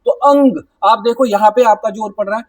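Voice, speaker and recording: A man teaching a Hindi grammar class for exam preparation, explaining patiently and repeating checks like "right?", sounding out letters slowly. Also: high-pitched, flat delivery, darkish tone, no room sound, distant mic. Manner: explanatory, repetitive, mixes English words, says "ठीक है" and "है ना" often. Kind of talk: exam-prep classroom lecture.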